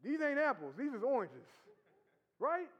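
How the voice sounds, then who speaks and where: A man preaching as pastor, conversational and teasing, with rhetorical questions and quick laughs. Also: very high voice, big pitch swings, breathy edge. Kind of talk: sermon. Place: church hall. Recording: dull sound with long hall reverb.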